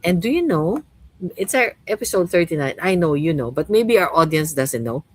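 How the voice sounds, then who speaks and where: A middle-aged Filipino woman with a fairly low, sing-song voice hosts a podcast conversation as a coach at a moderate pace. She is chatty, sprinkling in lots of "you know" and "right?" The recording is dry and rough.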